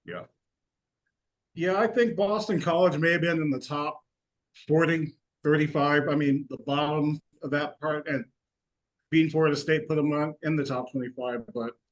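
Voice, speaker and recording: Male sports-show co-host, slightly raised pitch, easygoing, hesitant, filler-heavy. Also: moderate pace, rough recording. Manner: relaxed, hesitant, many fillers. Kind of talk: casual sports talk.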